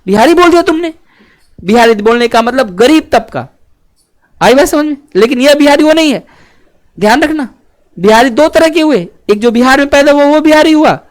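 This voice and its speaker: A man teaching a class, who keeps asking the students whether they have understood and moves between joking asides and earnest advice. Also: very high-pitched. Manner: keeps checking students understood with quick questions; joking and lively, then earnest and preachy. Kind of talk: classroom lecture.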